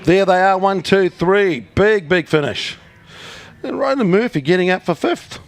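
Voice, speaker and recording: A man's voice: high-pitched, a little slow, slight background noise. A man with a New Zealand accent calling a motor race live as a race caller, building suspense in short punchy phrases and questions.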